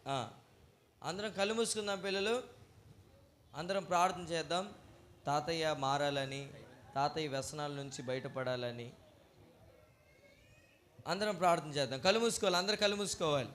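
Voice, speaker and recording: A man with a slightly high, somewhat bright voice speaks at a moderate pace, leaving long pauses. In a preacherly, instructive manner, he presents a children's puppet show and leads prayer, exhorting and guiding children at church, with faint noise and live ambience in the recording.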